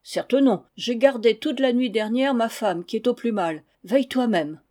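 A woman reading aloud and voicing an excited rustic farmhand, speaking in a raised, eager voice. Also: on the high side, moderate pace, voice pushed up, natural voice. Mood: bickering. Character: excited farmhand, grown man, rustic and talkative.

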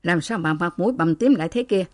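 A woman's voice: lowish voice, expressive, quick pace, no echo, natural voice. A woman voicing an anxious, protective old mother who fusses and scolds her husband. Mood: worried. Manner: worried, fussing.

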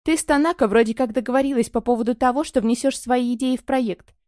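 A woman's voice: on the high side, fast talker, a little mellow, no echo, clean studio sound, lightly acted. Woman reading as a brusque confident young man. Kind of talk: audiobook reading.

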